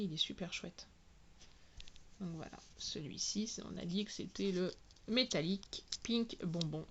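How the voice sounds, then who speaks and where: A woman talking casually through a product unboxing, spelling out each product name slowly and clearly. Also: medium pitch, highs cut off, a little hiss or hum. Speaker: nail product reviewer.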